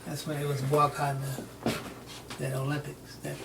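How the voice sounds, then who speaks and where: Gravelly man, matter-of-fact. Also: a little high, completely flat delivery, normal speed, reverberant, far from the mic. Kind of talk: casual chat. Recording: background noise.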